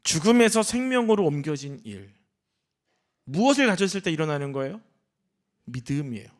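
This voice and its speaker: A man, a senior pastor, preaching a sermon in an animated style, asking the congregation questions and acting out the voices in the story. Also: a little high, normal speed.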